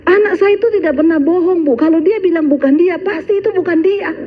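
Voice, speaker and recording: A woman's voice: very high-pitched, quick pace, pitched above the performer's own voice. A woman voicing an indignant father who insists on his son's innocence, in a slightly dull recording. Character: indignant father defending his son to a teacher.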